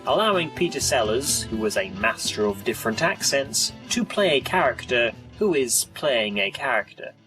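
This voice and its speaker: A man's voice: mid-range voice, very animated, normal speed, hardly any pauses, music in the background, low-quality recording. A man reading scripted documentary narration as the narrator.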